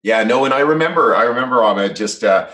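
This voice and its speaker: A man's voice: medium pitch, expressive, brisk, sharp tone, poor audio. A man hosting an interview, asking questions in a rambling way with many restarts. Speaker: host. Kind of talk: conversational interview.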